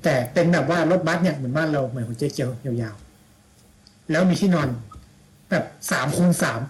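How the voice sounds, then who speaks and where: A man's voice: fairly high pitch, normal speed, crowd noise, low-quality recording. A man in casual chat, blunt and slangy, with mocking asides.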